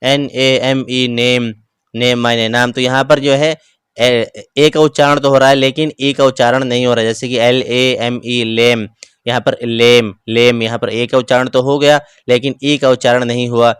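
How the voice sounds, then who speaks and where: A man teaching English pronunciation, spelling each word letter by letter and then saying it slowly. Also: mid-range voice, fairly even intonation, smooth, no room sound, studio quality. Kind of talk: slow spelled-out pronunciation lesson.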